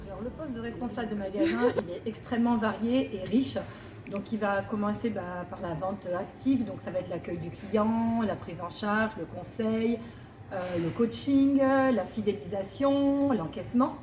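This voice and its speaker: A woman's voice: mid-range voice, normal speed, echoey room, noisy background. A woman in her forties, a store manager, describing her job with frequent hesitations. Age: 40s. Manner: hesitant, many fillers. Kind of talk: corporate job interview testimony.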